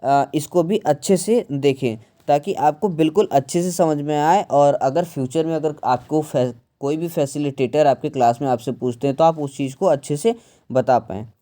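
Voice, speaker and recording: A woman with a low, very mellow voice walks through an English workbook lesson. She talks slowly, hesitates often and drops English words into her Hindi. The tone stays warm and unhurried. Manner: slow, hesitant, many fillers, mixing English words into Hindi. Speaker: English teacher.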